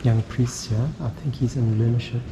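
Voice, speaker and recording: A man narrating a casual travel vlog in a halting, rambling way, with plenty of ums. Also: mid-range voice, flat delivery, background noise. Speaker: travel vlogger.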